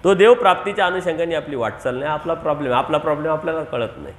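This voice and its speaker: Marathi preacher guy, high voice, keeps asking the crowd questions and repeating himself, roomy echo. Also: very fast, slight background noise. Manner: rhetorical questions to the audience, emphatic repetition. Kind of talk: devotional sermon. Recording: echoey room.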